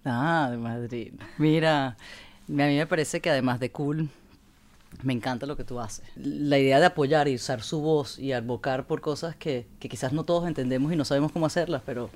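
A woman's voice: extremely low pitch, moderate pace, darkish tone. A woman hosting a casual, effusive interview in Spanglish, slipping English words into her Spanish. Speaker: host.

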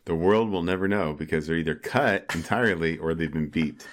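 Deadpan man with a deep voice. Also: fairly quick. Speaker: podcast co-host. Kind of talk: casual banter.

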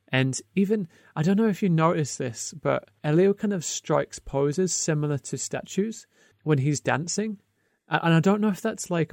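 A man with a slightly higher voice and a gravelly edge talks through a film on a podcast. He hesitates a lot, restarting phrases and filling gaps with ums. The sound is close and dry, with no room around it. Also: darkish tone, no echo. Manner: hesitant, full of ums and restarts, laughs often. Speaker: podcast co-host. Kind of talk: casual film discussion.

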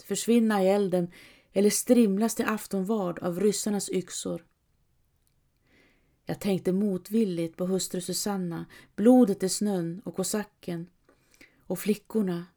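A woman narrating a story in the first person, in a measured, intimate storytelling manner. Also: mid-range voice, dark tone. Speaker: audiobook narrator.

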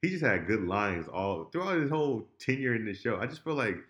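A man's voice: lowish voice, brisk. A man in casual chat, talking animatedly, quoting characters and talking over his partner. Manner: animated, talks over others, quotes characters. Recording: echoey room.

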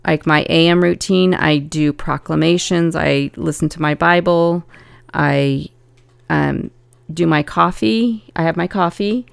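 Gravelly-voiced woman, earnest podcast co-host. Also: sits low, unhurried. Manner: earnest, reflective, laughs easily. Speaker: podcast co-host and family coach. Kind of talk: casual podcast chat.

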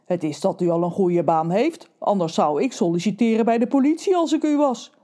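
A woman's voice: mid-range voice, animated, a little fast, dark tone, close to an everyday voice. A woman voicing a polite, formal male police officer. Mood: admiring.

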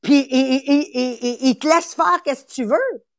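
Speaking at a moderate pace in a high-pitched voice, a woman of about sixty gives a motivational podcast talk, animated and emphatic, repeating phrases and voicing little characters. She is a sales coach born in Italy with a Quebec French accent. The clean studio recording has no room sound.

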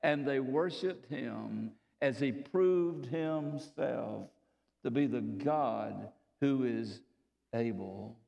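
Slow-preaching man in a reverberant hall. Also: creaky, dark tone, highs cut off. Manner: slow, deliberate storytelling, dropping low on key phrases. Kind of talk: sermon.

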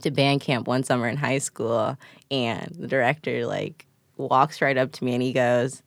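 A woman's voice: very deep voice, fairly even intonation, normal speed, vocal fry, dry recording. A woman in her late twenties from Chicago, chatting casually as a guest, with frequent laughs, swearing and fillers. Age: 20s. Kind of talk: casual chat.

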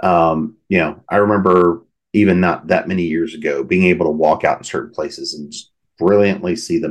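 A man with a very low, deep voice speaks alone on his podcast. He is middle-aged and reflective, and he keeps posing open questions to the listener in an earnest tone. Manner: thoughtful, earnest, asks many questions. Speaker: podcast host. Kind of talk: reflective solo podcast talk.

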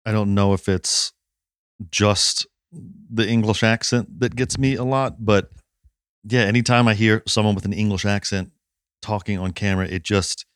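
A man's voice: lowish voice, fairly even intonation, normal speed, no echo, studio quality. An American man hosting a podcast, chatting casually with a self-deprecating, easy laugh and some swearing. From United States. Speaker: podcast host.

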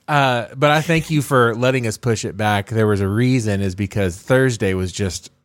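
A man's voice: fairly low pitch, normal speed, no echo, clean studio sound. A man co-hosting a casual podcast, a bit groggy from just waking up, telling a rambling story full of fillers. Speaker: podcast co-host.

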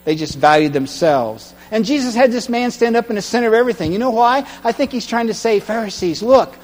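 A man preaching a sermon, retelling a story dramatically and swinging from hushed tones to loud cries. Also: very high-pitched, lively intonation, fast talker. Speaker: pastor. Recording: long hall reverb with mains hum.

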